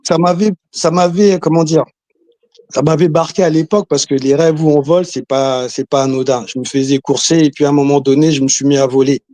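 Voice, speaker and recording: A man's voice: fairly high pitch, fairly even intonation, brisk, dark tone, no room sound. A man from Congo on a video call, talking casually and hesitantly, with many restarts and fillers and an occasional chuckle. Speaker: caller. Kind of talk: casual chat.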